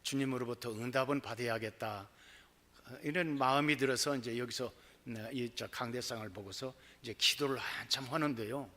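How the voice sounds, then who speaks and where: A man preaching a sermon, telling his own story in an animated way that turns loud and excited. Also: medium pitch, normal speed. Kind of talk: sermon testimony. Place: church.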